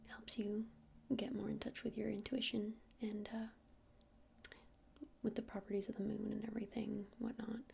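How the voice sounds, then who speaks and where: A woman takes on the role of a warm witch shopkeeper for ASMR, her breathy whisper carrying loose, uncertain explanations. Her voice is mid-range, with a faint hiss or hum in the background.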